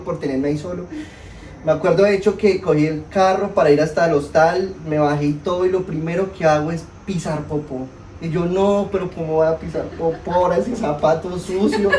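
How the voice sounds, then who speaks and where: A young man with a Colombian Spanish accent preaching a sermon, telling a personal story in an animated, self-mocking way to a congregation. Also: on the high side, slight background noise. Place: church hall. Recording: echoey hall, mic at a distance.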